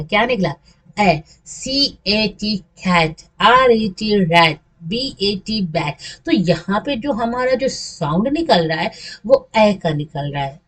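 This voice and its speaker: Patient woman teaching pronunciation. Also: mid-range voice. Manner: patient, repeats and stretches example words. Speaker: English teacher. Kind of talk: classroom lesson over slides.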